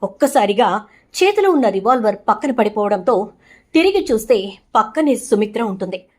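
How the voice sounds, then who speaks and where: A woman narrating an episode recap as a story, in a brisk storytelling way. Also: medium pitch, sing-song, darkish tone. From Telugu-speaking India. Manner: brisk storytelling with quoted dialogue.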